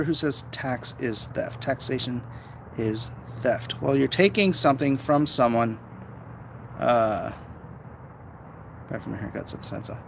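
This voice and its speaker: With a mid-range voice and noticeable vocal fry, an American man answers viewer comments during a live stream from his backyard. His off-the-cuff talk is casual, opinionated and emphatic, the way a vlogger chats with viewers. Outdoors, the audio is noisy with city ambience and traffic.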